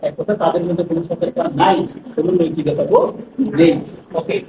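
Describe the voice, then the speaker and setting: A Bangladeshi English lecturer, a man with a fairly high pitch and a steady tone, runs a call-and-response lesson, slowly reading English sentences aloud and asking the same question over and over for the class to answer in unison. The recording is noisy, picked up from far off in an echoey classroom.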